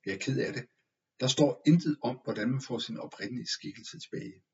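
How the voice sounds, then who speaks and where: A man reading a soft-spoken, teasing young woman. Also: mid-range voice, gravelly, lo-fi sound, lightly acted.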